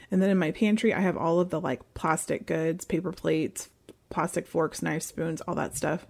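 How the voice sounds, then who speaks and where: Fairly low, creaky and somewhat dark, this woman's voice belongs to a US vlogger in her thirties. She tidies her kitchen at home and talks casually, rambling and dropping plenty of ums and likes. A phone at arm's length captures her, then a far-off camera.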